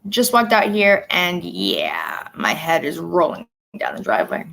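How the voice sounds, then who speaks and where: A woman's voice: deep voice, wildly swooping pitch, unhurried, gravelly, fairly bright tone, low-quality recording. A woman giving an emotional personal update, talking bluntly and with swearing, repeating herself for emphasis. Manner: blunt and profane, venting frustration. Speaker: vlogger.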